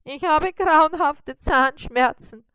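A woman's voice: high voice, slow pace, a bit bright, no echo, voice pushed up. A woman doing a wailing, whiny cartoonish spider. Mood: moaning. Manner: moaning and wailing in pain. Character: whiny male cross spider, timid and self-pitying.

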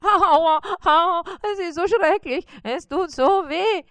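A woman's voice: very high-pitched, takes it slowly, fairly bright tone, dry recording, voice pushed up, exaggerated voice. A woman doing a wailing, whiny cartoonish spider. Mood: moaning. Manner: moaning and wailing in pain. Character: whiny male cross spider, timid and self-pitying.

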